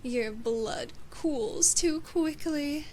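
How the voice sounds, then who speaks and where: This scripted ASMR monologue has a high-voiced, slightly mellow woman as a domineering demon queen lording it over her human knight. She's imperious and condescending, keeps a measured pace, and slips now and then into breathy whispers, with a little background noise behind her.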